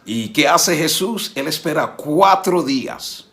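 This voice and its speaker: A man's voice: on the high side, animated, slow pace, a bit bright. A man preaching a Sunday sermon in a conversational way, often asking the congregation rhetorical questions.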